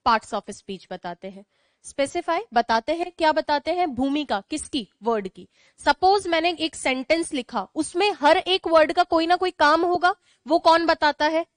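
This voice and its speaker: High-voiced woman teaching grammar. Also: expressive, measured pace, dry recording. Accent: Indian. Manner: explains in Hindi mixed with English, repeats points and asks the class questions. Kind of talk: online class lecture.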